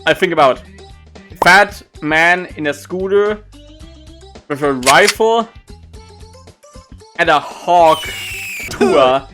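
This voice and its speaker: German woman streamer, unhurried casual reactions. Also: low-pitched. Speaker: VTuber streamer reacting to a video.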